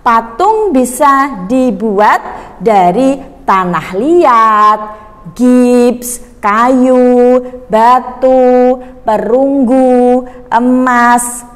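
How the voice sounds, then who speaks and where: A woman primary teacher speaks in a slightly high voice. She explains slowly to children, prompting them with questions. The recording rings with long reverb.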